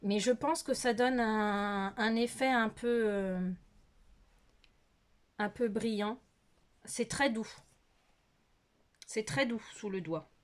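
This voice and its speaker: A woman's voice: fairly high pitch, steady tone, takes it slowly, long pauses. A middle-aged woman chatting casually through a makeup tutorial in her bedroom, filmed on a phone, hesitant and full of fillers, laughing at herself. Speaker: beauty vlogger. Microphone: phone camera.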